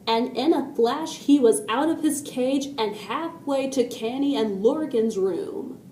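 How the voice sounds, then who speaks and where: A woman reading a children's story aloud, slowly and deliberately, and adding her own spoken sound effects. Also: sits high, warm tone, distant mic. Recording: echoey room with faint noise.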